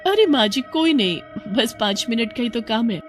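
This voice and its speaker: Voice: medium pitch, animated, moderate pace, soft background music, voice pushed up, lightly acted. A narrator voicing a sleepy young daughter-in-law who coaxes favors in a sugary way. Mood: coaxing. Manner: coaxing and sugary.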